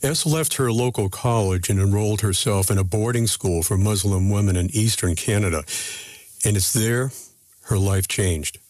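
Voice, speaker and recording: A man reporting a radio news feature in measured, deliberate scripted narration. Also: on the low side, a little mellow, no echo.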